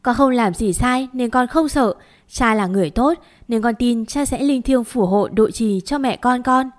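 A young daughter-in-law falsely accused, pleading her innocence in a choked, tearful voice, as a woman narrator speaks her part. Her voice lifts higher and louder than the narration. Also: normal speed, lightly acted.

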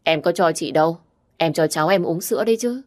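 A woman voicing a fierce, sharp-tongued young village woman who scolds bluntly. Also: low voice, a little fast, natural voice. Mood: firm caring.

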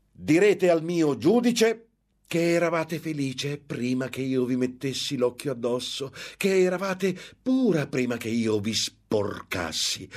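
A raving, tormented monk. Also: male voice, a little high, pitched above the performer's own voice. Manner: raving, shouting, bitter laughter. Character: frenzied, guilt-ridden male monk, cruel and tormented.

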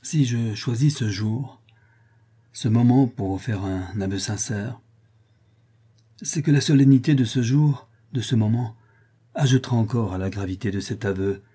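A man's voice: lowish voice, measured pace, warm tone, breathy edge. A man voicing a passionate noble prince who pleads tenderly, in an earnest manner, for an audiobook. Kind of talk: audiobook reading.

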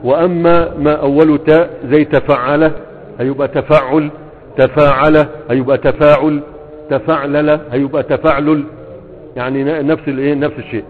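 A man with an Egyptian Arabic accent teaching Arabic morphology. He repeats verb patterns slowly and often checks that his students understand. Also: on the high side, fairly even intonation. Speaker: grammar teacher. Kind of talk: spoken lesson explaining verse on Arabic morphology. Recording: phone-like sound with a long reverb.

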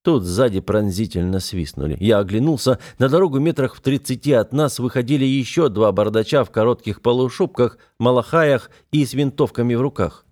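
A male audiobook narrator telling a first-person adventure story at a steady pace. His voice is warm and mellow, with a mid-range pitch. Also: brisk, hardly any pauses.

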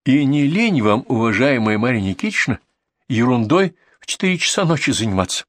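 A man's voice: medium pitch, very animated, brisk, dry recording, clean studio sound. Man playing a curt, irritated ambulance doctor.

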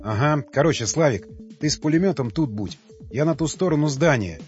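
A man's voice: a little high, expressive, fairly quick, darkish tone, natural voice. A man voicing a stubborn, brash young male fighter, in an audiobook. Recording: dull lo-fi audio with faint music.

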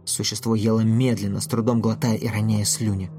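A man reading a storybook aloud in a steady, even storytelling manner. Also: fairly low pitch, a little fast. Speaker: audiobook narrator. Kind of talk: scripted narration. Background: faint music.

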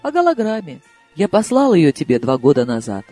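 A man reading a novel aloud and voicing a sly, tender secretive lover who speaks softly and confidingly. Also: a little high, huge pitch swings, a little fast, faint music behind. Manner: soft, intimate, confiding.

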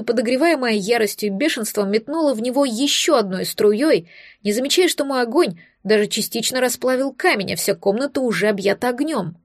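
A woman reads a first-person fantasy romance with steady, expressive storytelling. Her voice sits a little high, and she is recorded close on a studio mic. The sound is dry, with no room around it. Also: no room sound. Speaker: audiobook narrator.

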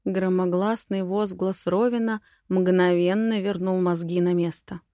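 A woman narrating a first-person romantic fantasy audiobook in an expressive way. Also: on the low side, unhurried, dry recording, studio quality.

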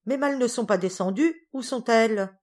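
A woman voicing an impatient, fussy lady who talks high and loud in exclamations. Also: animated, a little slow, breathy edge.

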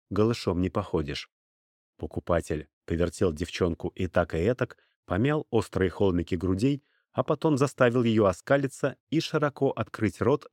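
A man narrates an audiobook in an even, storytelling manner. His voice sits somewhat low, and the recording is dry and close. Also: dry recording. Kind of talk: scripted narration.

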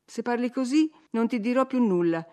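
A woman's voice: on the high side, expressive, moderate pace, a little mellow, pitched above the performer's own voice, close to an everyday voice. A woman voicing an impetuous, willful young woman who speaks in an emphatic, insistent way. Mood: anxious pleading.

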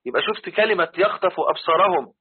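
On a tinny, phone-like recording with slight background noise, a man with an Egyptian Arabic accent teaches Quran commentary to a class. He talks fast in a high voice with lively intonation, repeating points and often confirming that listeners follow.

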